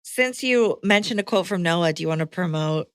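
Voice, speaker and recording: A woman's voice: fairly low pitch, animated, moderate pace, smooth, dry recording, studio quality. A woman co-hosting a podcast who reads listener letters aloud and chats in a matter-of-fact way. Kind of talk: reading letters aloud, casual chat.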